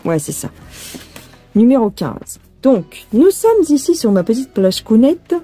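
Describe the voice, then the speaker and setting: A woman's voice: fairly high pitch, big pitch swings, measured pace, warm tone, faint music behind. A woman casually explaining cross-stitch while she works, chatting and thinking aloud to the viewer. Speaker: cross-stitch tutorial host. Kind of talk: casual hands-on embroidery tutorial. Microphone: phone filming her hands.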